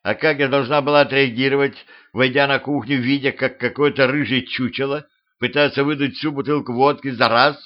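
A man playing a loud, stern young woman who scolds everyone around her in a storybook tale. The voice is pushed up from an ordinary male pitch into a sharp scolding tone, and the homemade recording is a bit dull. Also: steady tone, brisk, close to an everyday voice. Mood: indignant.

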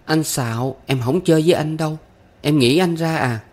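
A man's voice: on the high side, normal speed, pitched above the performer's own voice, natural voice. A man voicing a pleading, sulky little girl with a Southern Vietnamese accent in an audiobook. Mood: pouty. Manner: coaxing, whiny pleading. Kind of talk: audiobook character voice.

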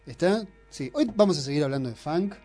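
An Argentine radio host with a high-leaning, darkish voice talks fairly quickly with lively intonation over soft background music. In Argentine Spanish, he teases his co-host and provocatively lectures at length on politics, turning the banter argumentative and opinionated.

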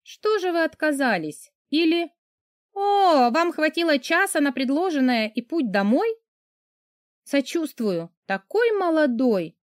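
A woman reading an audiobook, voicing a sharp-tongued young woman who speaks in a quick, teasing, mock-sympathetic way. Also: high voice, very animated, dry recording, studio quality, pitched above the performer's own voice. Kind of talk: audiobook character voice.

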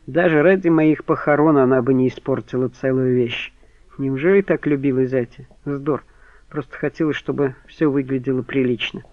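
A man voicing a brisk, sarcastic young widow in an audiobook, raised pitch and mocking retorts. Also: steady tone, no echo, muffled recording, lightly acted. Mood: sardonic.

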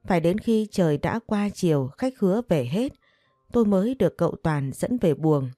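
Woman reading a story aloud, calm and mellow, dry close sound, soft music underneath. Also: on the low side, normal speed, dry recording. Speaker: audiobook narrator. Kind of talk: storybook narration.

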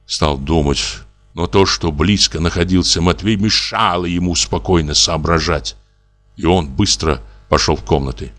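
A man reads a classic short story aloud as an audiobook narrator. His voice is fairly low, and his delivery is measured and grave. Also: a bit bright. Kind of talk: scripted literary narration.

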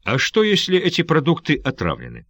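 A man's voice: fairly high pitch, wildly swooping pitch, a little fast, a bit bright, no room sound, voice pushed up, heavily acted. A man voicing an easygoing, joking Portuguese adventurer in an audiobook, raised above his reading voice. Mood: alarmed. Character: wry, unflappable Portuguese adventurer, adult man.

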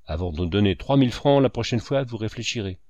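A man voicing a proud, brutal male painter who mocks and shouts at his rival. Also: on the low side, animated, brisk, dry recording, lightly acted. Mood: furious. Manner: loud, mocking, shouting.

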